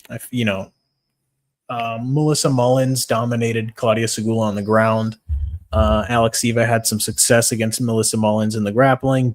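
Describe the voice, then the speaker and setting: Young male streamer, lowish voice, tired and laid-back, casual swearing, reading chat between picks. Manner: relaxed, swears casually, greets chat by name. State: tired, yawning. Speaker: livestream host giving fight picks.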